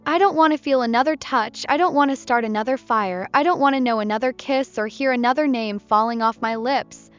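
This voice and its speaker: A woman's voice: fairly high pitch, a little fast, few pauses, smooth, lightly acted. A woman voicing a talkative, heartbroken young woman camper who is tipsy and bitter. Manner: bright, chatty, bitter. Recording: muffled with soft music behind.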